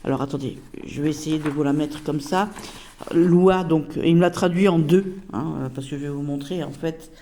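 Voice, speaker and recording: A woman's voice: deep voice, fairly even intonation, normal speed, warm tone, slight background noise. A woman casually reviewing a tarot deck, chatty and hesitant with many fillers.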